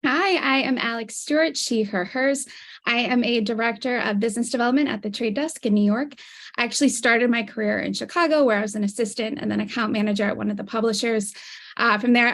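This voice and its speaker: A woman giving a casual, upbeat self-introduction as a panelist on an online video call. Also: fairly high pitch.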